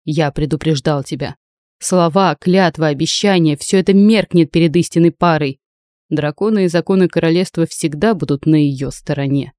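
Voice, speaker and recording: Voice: mid-range voice, moderate pace, a little mellow, no echo, natural voice. A reader voicing a stern, commanding noble uncle who talks harshly and imperiously, in a dry close recording. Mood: cold, domineering. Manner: harsh, imperious, barks orders.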